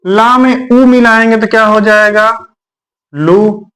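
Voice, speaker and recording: A male teacher giving an exam-prep grammar lesson, drilling syllables aloud over and over and often clearing his throat. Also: high-pitched, fairly even intonation, takes it slowly, a bit bright.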